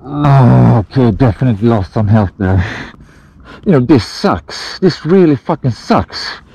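A man vlogging casually outdoors to a handheld camera, his voice muffled by a gas mask, halting, deadpan and sweary. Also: medium pitch, vocal fry, a little hiss or hum. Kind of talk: casual outdoor adventure vlog talk to camera. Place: outdoors in a forest. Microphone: action camera at arm's length.

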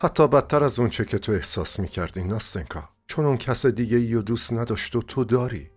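A man's voice: medium pitch, slightly rough, faint music behind, lightly acted. A man voicing a lovesick young dreamer in an audiobook, urgent and impassioned.

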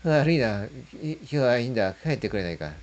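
A man's voice: fairly low pitch, quick pace, a little mellow, highs cut off, natural voice. A man voicing an anxious middle-aged actor who pleads urgently in a ghost story. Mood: strained, pleading.

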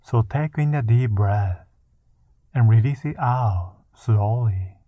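A man with a fairly low, soft and hushed voice guides a meditation. He speaks very slowly and soothingly, with long pauses between phrases. The recording is close and dry but narrow and muffled, like a phone line. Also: no room sound. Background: music.

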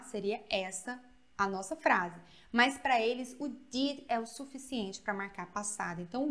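A woman from Brazil giving a video lesson as an English teacher, explaining step by step, checking in with her students and repeating example sentences slowly. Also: medium pitch.

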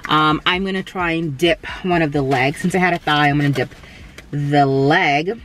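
A young woman from Canada reviewing fast food in a casual mukbang while she eats in a parked car, humming appreciatively between bites. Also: low voice, a bit bright, slight background noise. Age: young adult. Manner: chatty, eating between remarks, lots of appreciative hums. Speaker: food vlogger. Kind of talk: casual mukbang tasting chat. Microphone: camera on the dashboard.

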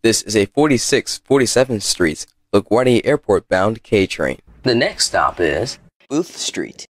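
A man gives scripted subway announcements in formal, clipped phrases. His voice is fairly low and a bit rough, with animated intonation and a dry, close sound. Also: unhurried, no room sound.

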